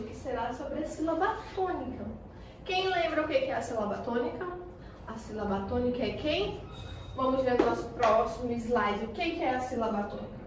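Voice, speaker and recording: A Brazilian woman teaching a primary class, asking questions and answering them herself while stretching the key words slowly. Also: on the high side, slight background noise. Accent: Brazilian Portuguese. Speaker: schoolteacher. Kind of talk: recorded remote class lesson. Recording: echoey room, voice far from the mic.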